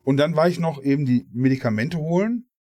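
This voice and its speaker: A man's voice: a little high, a little fast, warm tone, no echo, studio quality. A man with a Ruhr German accent, co-hosting a podcast and telling rambling everyday anecdotes in casual chat, acting out the people he quotes. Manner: rambling anecdotal storytelling, acts out quoted voices. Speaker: podcast co-host.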